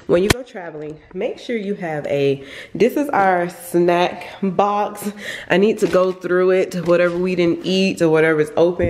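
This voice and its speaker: A woman's voice: fairly low pitch, darkish tone, roomy sound. A woman in her twenties from Florida, chatting casually and rambling through a home vlog in her kitchen, talking to a handheld camera. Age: 20s. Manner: rambling, chatty, repeats herself. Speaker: vlogger. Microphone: handheld camera, then camera set on counter.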